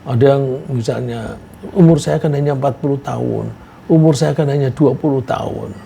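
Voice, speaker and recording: A man giving a religious lecture, reciting Arabic verses and explaining them in a relaxed, conversational way with anecdotes. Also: medium pitch, moderate pace, vocal fry, a little hiss or hum. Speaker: Islamic preacher.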